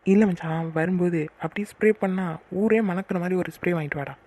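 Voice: mid-range voice, fast, background noise, close to an everyday voice. A voice actor playing a cheeky young male friend in a cartoon who wheedles favours. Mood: wheedling. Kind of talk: cartoon voice acting.

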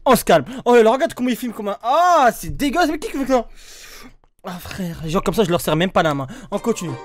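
A young man doing reaction video commentary, excitable and mocking, laughing often as he talks. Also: high-pitched, fairly quick. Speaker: YouTuber reacting to a music video.

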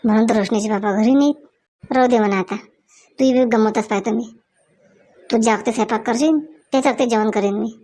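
A woman playing a bickering rural mother-in-law in a comedy sketch, speaking with quick, scolding banter. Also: a little high, dark tone, close to an everyday voice.

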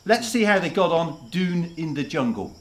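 A middle-aged man voicing an indignant, halting Newcastle Geordie presenter in a parody of a TV jungle show. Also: fairly high pitch, big pitch swings, slight background noise. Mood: hesitant, presenting.

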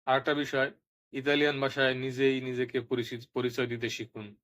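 Bright-voiced man teaching words aloud. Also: medium pitch, little pitch movement. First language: Bengali. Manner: reads each word twice, loud and deliberate. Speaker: Italian language teacher. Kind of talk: vocabulary lesson with repeat-after-me drills.

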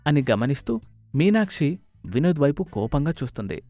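Lively male storyteller, dry sound. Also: a little high, normal speed, no room sound, faint music behind. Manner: expressive, animated. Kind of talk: scripted story narration.

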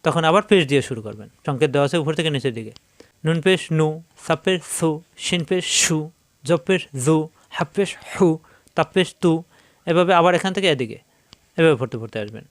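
Clear-voiced man teaching letter drills. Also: a little high, dry recording. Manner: patient, recites letters in quick drills. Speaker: Quran reading teacher. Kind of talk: Arabic letter reading lesson.

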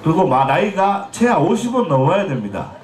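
A man's voice: sits high, very animated, brisk. A man in his forties from Jeolla, a pumba street performer joking and teasing the crowd on an outdoor festival stage, his throat a bit scratchy. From Jeolla, Korea. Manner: joking, teasing, chatty with the audience. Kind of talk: comic stage banter with the crowd. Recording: echoey festival PA sound.

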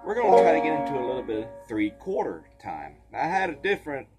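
A man teaching a clawhammer banjo lesson, a little tired, counting beats aloud in a relaxed, casual way. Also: fairly high pitch, quick pace, loud music behind the voice, poor audio. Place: porch. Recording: banjo playing behind.

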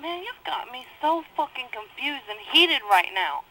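On a jail phone call, an inmate argues with her mother over her court case, cursing heavily and cutting her off. Her high voice is very animated, pushed and bright, at a moderate pace. The low-quality recording carries a slight hiss or hum.

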